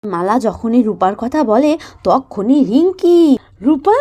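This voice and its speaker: A woman narrates a homespun doll story with an emotive, lively delivery. Her voice sits high yet sounds mellow and soft-edged. She reads it as a dramatized storybook tale. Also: normal speed. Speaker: storyteller voicing every figure.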